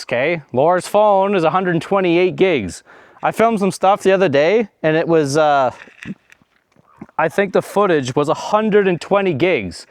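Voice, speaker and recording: A man's voice: on the high side, smooth, dry recording, clean studio sound. A young man chatting to his action camera outdoors in a snowy yard, a little out of breath, rambling with fillers and trailing asides. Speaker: homestead vlogger. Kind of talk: casual vlog talk to camera.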